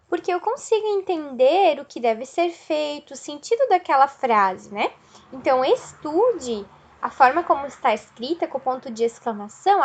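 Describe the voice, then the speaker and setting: A woman teacher giving a recorded video lesson, explaining step by step and asking and answering her own questions. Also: sits high. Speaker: school teacher.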